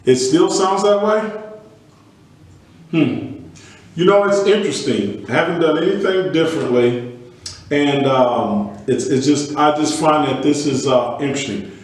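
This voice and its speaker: A man's voice: a little high, expressive, unhurried, distant mic. A man hosting an online call, puzzled as he troubleshoots his audio, his voice echoing hollowly as if he were in a tunnel. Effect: hollow echo like a tunnel. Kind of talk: casual live talk to an audience. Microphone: computer on a video call.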